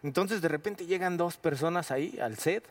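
A man with a Mexican accent, an actor guest telling a lively anecdote full of slang and quick asides. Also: a little high.

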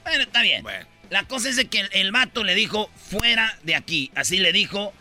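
On a radio show, a man with a Mexican accent turns news stories into comic, slang-filled banter as an animated, joking storyteller. His voice sits high and moves briskly over soft background music.

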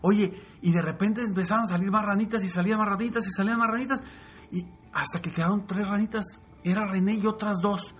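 A man telling a motivational fable in a lively, repetitive way, going soft and low for the lesson. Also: a little fast. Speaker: motivational storyteller. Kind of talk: motivational storytelling.

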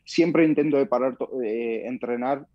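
A young man from Spain, a guest fighter answering interview questions in a calm, modest way. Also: medium pitch, measured pace, no echo, dull audio.

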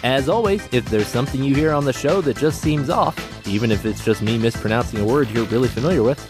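A man hosting a science podcast, answering listener comments and explaining calmly and clearly. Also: mid-range voice, fast talker, over music. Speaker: podcast host.

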